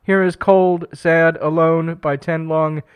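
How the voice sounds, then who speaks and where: A radio host runs a community music show, chatty and upbeat despite fighting a cold, self-deprecating and full of fillers and restarts. His voice is on the high side, level in tone and slow, clean through a studio broadcast microphone.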